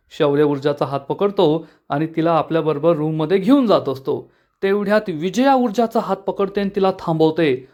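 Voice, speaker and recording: Give me a man with a slightly high voice retelling a serial's drama with emotion. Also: darkish tone. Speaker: serial episode recap narrator.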